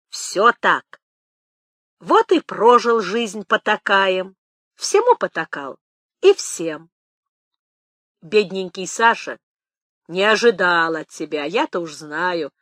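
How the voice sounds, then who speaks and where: Picture an old village nanny, tender but teasing, whose voice rises and falls in a lively singsong as she croons and laments, as a woman reader puts her on. Sometimes she drops to a hushed whisper. The sound is dry and close. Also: medium pitch, dry recording, exaggerated voice. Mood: lamenting.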